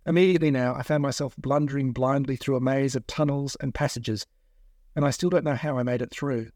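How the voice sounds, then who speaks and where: A man, the author, narrating his own novel in the first person with steady, measured storytelling. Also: mid-range voice, no echo, studio quality.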